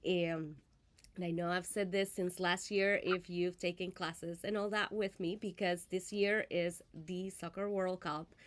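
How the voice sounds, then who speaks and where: A woman's voice: fairly low pitch, little pitch movement, unhurried, a little hiss or hum. A woman, hosting a casual live crafting stream in a friendly, chatty way with fillers and restarts. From Venezuela.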